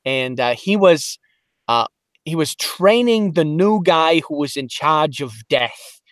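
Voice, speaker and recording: A voiceover actor guesting on a podcast, chatting casually and playfully, now and then dropping into character accents. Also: male voice, fairly high pitch, animated, takes it slowly, a bit bright, dry recording, clean studio sound. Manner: playful, slips into character accents mid-story.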